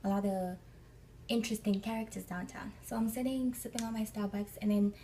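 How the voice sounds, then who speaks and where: A woman's voice: medium pitch, fairly even intonation, a little fast, dark tone, recorded from a distance, a little hiss or hum, rough recording. A young woman from Africa, chatting through a storytime vlog and acting out the people she quotes. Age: young adult. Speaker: vlogger.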